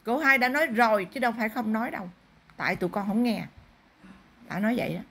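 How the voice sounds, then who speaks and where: A woman's voice: a little high, lively intonation, quick pace, gravelly, fairly bright tone, breathy edge. A middle-aged woman, a spirit medium, lecturing a client firmly. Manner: firm, lecturing. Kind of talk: counselling a client in a spirit ritual.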